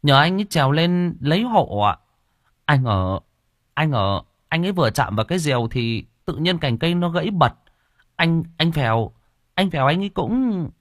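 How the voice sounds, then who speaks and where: A man's voice: on the high side, sing-song, moderate pace, a bit bright, no room sound, studio quality, voice pushed up. A man voicing a flustered young village man who stammers breathlessly, in an audiobook story. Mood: flustered explaining.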